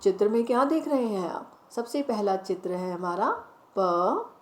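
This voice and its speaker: A woman teacher leading a children's phonics lesson, speaking directly to the children and drawing each word out slowly as she repeats it. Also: mid-range voice, sing-song. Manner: slow, drawn-out word repetition. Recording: roomy echo, faint music behind.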